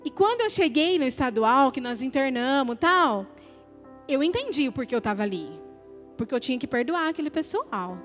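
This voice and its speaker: A woman's voice: high voice, animated, moderate pace, faint music behind. A Brazilian woman giving an emotional, conversational testimony in a church service, often tagging her sentences with questions.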